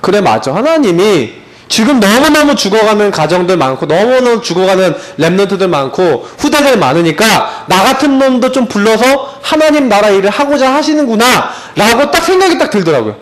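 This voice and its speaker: A man in his thirties preaching as a pastor in a church, animated and storytelling, with many rhetorical questions. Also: high-pitched, a little fast. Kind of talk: sermon. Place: church sanctuary.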